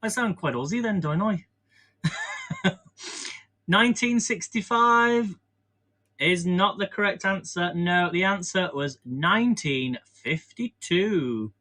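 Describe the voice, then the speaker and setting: Baking in his own kitchen, an English live-streamer chats and runs a quiz, rambling along with plenty of self-deprecating laughs. His voice is high-pitched, bright and forceful, with lively intonation, a slow pace and frequent pauses. Sound comes from a camera on a stand.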